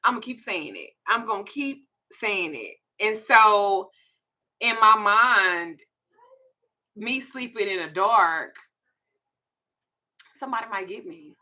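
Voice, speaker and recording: A woman's voice: mid-range voice, lively intonation, slow, pauses often, sharp tone. A woman in her forties with a Southern US accent, hosting a candid, profane, confiding casual chat. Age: 40s. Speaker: host.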